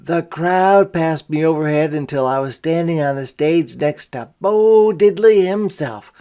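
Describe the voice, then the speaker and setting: A man reads a storybook aloud for young children in a slightly high voice with noticeable creak. His pace is slow and deliberate. He delivers the story expressively, like a teacher guiding little listeners. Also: a little mellow. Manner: dramatic, deliberate delivery with emphasized character lines. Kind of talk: expressive picture-book read-aloud with simple explanatory asides.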